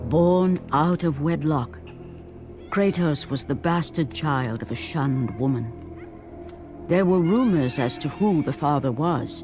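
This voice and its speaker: A man giving a dramatic, scripted narration of a myth in a solemn, deliberate manner. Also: fairly high pitch.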